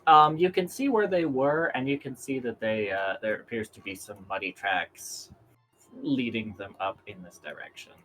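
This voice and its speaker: A man's voice: fairly low pitch, moderate pace, a bit bright, poor audio. A man running a tabletop role-playing game as game master, narrating and answering questions casually. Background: music.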